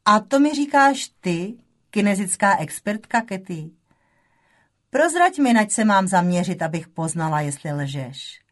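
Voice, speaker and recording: A woman's voice: medium pitch, lively intonation, natural voice. A woman voicing a wry, proud mother who speaks earnestly to her grown daughter in an audiobook. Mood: teasing.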